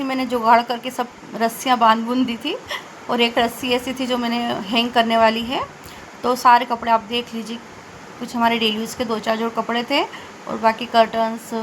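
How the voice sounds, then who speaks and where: A woman's voice: on the high side, a bit bright, slight background noise, rough recording. A woman in her forties narrating a day of cleaning her home in a chatty, rambling way, often correcting herself mid-sentence. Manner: chatty and rambling, with self-corrections and filler pauses. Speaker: home vlogger.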